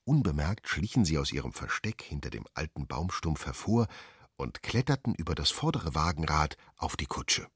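Erzähler für Hörbuch, sehr tief und lebendig. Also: male voice, very deep voice, normal speed, slightly rough, dry recording, clean studio sound. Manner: expressive, lively storytelling. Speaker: narrator. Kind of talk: storybook narration.

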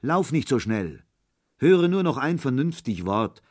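A man voicing a giant, menacing forest spirit who talks loud and booming in a storybook reading. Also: very animated, measured pace. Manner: loud, booming, coaxing then threatening.

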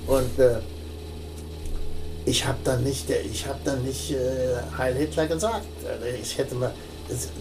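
An older man telling a personal story in an interview, halting, with many restarts and fillers. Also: mid-range voice, noisy background.

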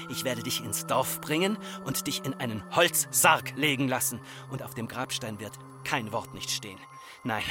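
In a literary radio drama, a male actor with a fairly low voice plays a farmer's embittered grown son. His performance is lightly acted, delivered in reproachful, incantatory repetitions.

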